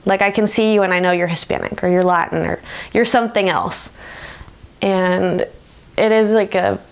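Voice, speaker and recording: An American woman in her twenties reflects casually in a conversational interview, her medium-pitched voice steady, with vocal fry and a moderate pace. She's informal and laughs a lot as she talks.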